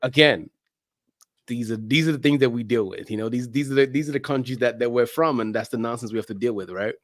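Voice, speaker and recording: Here the soccer podcast creator talks fast in a medium pitch during a casual, animated interview as a guest. He is emphatic and slangy, repeating phrases to drive points home, and the recording is dry and studio quality.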